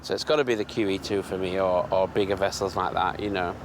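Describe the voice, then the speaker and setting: A man's voice: sits low, fairly even intonation, fast, noisy background. A man with a Yorkshire accent, a chatty and fussy tour guide talking to the camera. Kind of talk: casual chat to camera.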